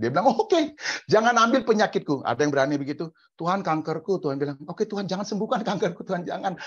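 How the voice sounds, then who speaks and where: Animated pastor, dull recording. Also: male voice, on the high side. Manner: animated, mixing in English phrases, acting out quoted voices. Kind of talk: sermon.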